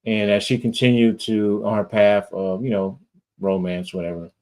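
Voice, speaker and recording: A man's voice: lowish voice, flat delivery, normal speed, a little mellow. A man hosting a podcast, asking casual, rambling questions with lots of fillers. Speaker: podcast host. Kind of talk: podcast interview.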